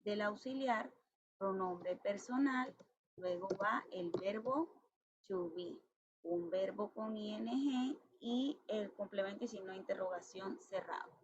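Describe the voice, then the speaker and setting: A woman teacher walks through a grammar lesson step by step, patient and methodical. She reads each English example out slowly and carefully. The recording is dull and lo-fi, with a faint hiss behind her. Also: medium pitch. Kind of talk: classroom lesson explaining grammar. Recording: dull lo-fi sound with faint noise.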